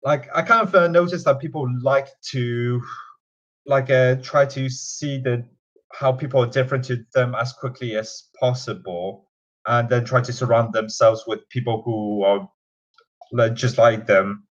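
Unhurried and fairly even in intonation, this twenty-something man from Canada has a mid-range voice and a mixed Canadian-British accent. He answers a casual interview hesitantly, full of fillers, and the recording sounds dull and lo-fi.

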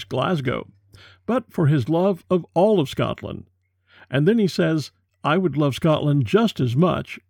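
An American man hosting a podcast, reading a measured, scripted introduction. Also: a little high, creaky, darkish tone, breathy edge. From USA. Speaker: podcast host.

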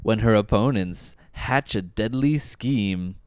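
Male podcast co-host, lowish smooth voice, wry casual review chat, close dry sound. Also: slow pace, darkish tone, no echo. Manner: wry, joking.

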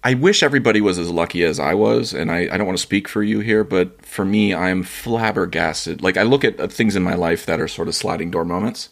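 A man's voice: sits low, brisk, gravelly, few pauses. A man hosting a casual interview in an absent-minded, scattered way, often losing his thread as he talks. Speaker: podcast host interviewing a guest.

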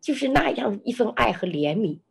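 A middle-aged woman guest in an interview, sharing a personal testimony as an expressive, animated storyteller. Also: fairly high pitch, brisk, vocal fry, slightly rough. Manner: expressive, lively storyteller who laughs often.

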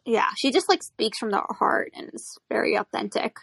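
A woman chats in an easygoing, filler-heavy way, her fairly high voice husky and full of fry. The recording is dry and close. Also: animated, normal speed, a bit bright, dry recording. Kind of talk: casual chat.

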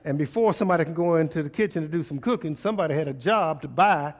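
An American man preaches a sermon with call and response, speaking conversationally and emphatically while repeating phrases and putting questions to his listeners. His voice is fairly high-pitched and fast.

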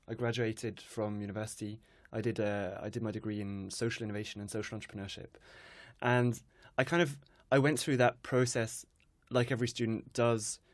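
A man's voice: mid-range voice, dry recording. Guest, man in his twenties, English accent, thoughtful and self-deprecating, dry close recording. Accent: English, not from a specific place. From Switzerland. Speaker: guest, kindness project founder. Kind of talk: conversational interview.

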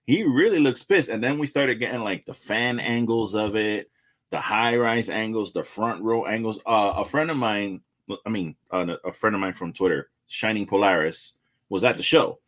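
A man's voice: lowish voice, normal speed, a bit bright. A man co-hosting a casual wrestling podcast, laid-back and swearing as he tells a story. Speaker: podcast co-host.

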